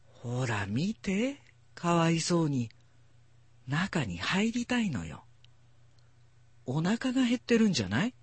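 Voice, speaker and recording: Storybook housewife, soft and doting, cooing, voiced by a male reader. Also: a little high, wildly swooping pitch, slow pace, pauses often, breathy edge, no room sound, pitched above the performer's own voice, heavily acted. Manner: cooing, gentle.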